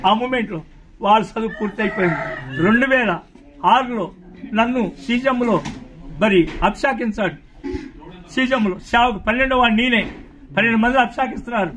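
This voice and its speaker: A middle-aged man tells his life story as a pastor. His voice sits notably high, and he speaks with earnest, plain conviction. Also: normal speed, pauses often, noisy background. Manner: earnest storytelling, acting out prayers and God's words. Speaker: pastor giving his testimony. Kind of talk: spoken testimony in an interview.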